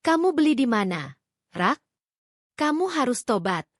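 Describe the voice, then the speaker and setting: A woman's voice: a little high, sing-song, a little slow, no room sound, clean studio sound, pitched above the performer's own voice. A woman voicing a frightened, tearful mother-in-law in a read-aloud story. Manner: tearful, fearful.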